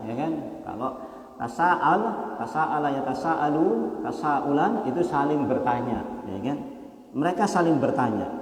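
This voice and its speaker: A man teaching a Quran study lesson in a mosque, explaining patiently, often asking his listeners rhetorical questions and chanting verses slowly. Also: mid-range voice, darkish tone. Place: mosque hall. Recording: echoey hall reverb.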